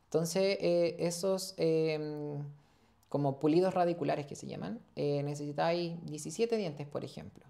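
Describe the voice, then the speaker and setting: A man's voice: on the high side, measured pace, gravelly, dark tone. A man in his twenties with a Chilean accent, talking loosely as a podcast guest, slangy and rambling with lots of fillers, recorded on a lapel mic in a small studio. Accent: Chilean Spanish. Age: 20s. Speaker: podcast guest, dental student. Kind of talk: casual interview chat. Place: small studio room, seated in armchair.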